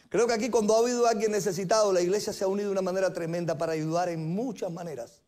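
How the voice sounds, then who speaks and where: A middle-aged man with a notably high-pitched voice delivers a sermon from a church pulpit. He preaches earnestly, repeating phrases and slowing down to press his key points home. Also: fairly even intonation, darkish tone. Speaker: pastor. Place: church sanctuary.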